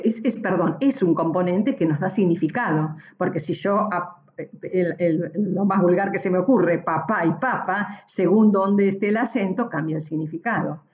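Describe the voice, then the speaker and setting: A woman lecturer walks through a class in a mellow, fairly low voice. She explains step by step, checks in with frequent tag questions, and corrects herself as she goes. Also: a little hiss or hum. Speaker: university lecturer.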